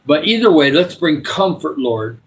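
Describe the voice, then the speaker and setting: Older guy in his 60s chatting on a live stream, rambly and loose, voice sits a bit high. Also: big pitch swings, normal speed, slight background noise. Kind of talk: casual live-stream chat and prayer.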